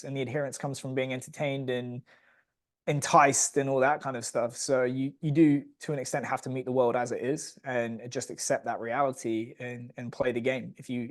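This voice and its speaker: A man who is a guest on a podcast, explaining his views in a blunt, articulate and measured way. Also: mid-range voice. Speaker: podcast guest, founder of a coaching education business. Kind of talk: casual podcast interview.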